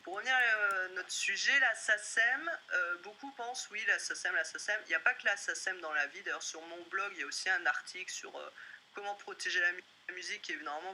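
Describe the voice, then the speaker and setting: A woman leads a webinar as a music business coach. Her voice is very bright and sharp, and she talks to her listeners in a direct, conversational way. A faint noise hums underneath. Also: fairly low pitch, low-quality recording. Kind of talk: webinar presentation.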